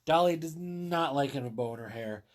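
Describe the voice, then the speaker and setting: A man co-hosting a casual live-stream chat, talking in a relaxed, rambling and wry way. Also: a little high, fairly quick. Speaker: co-host.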